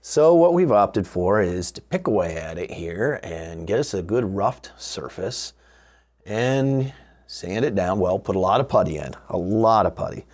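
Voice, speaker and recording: A man with a low-pitched, darkish voice presents a how-to video on restoring radios. He narrates casually and explains things in a DIY style, often musing aloud with rhetorical questions.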